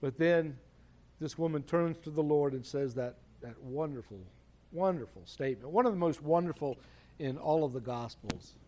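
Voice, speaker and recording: A man's voice: on the high side, normal speed, warm tone. A man preaching a conversational sermon, asking rhetorical questions and repeating phrases for emphasis.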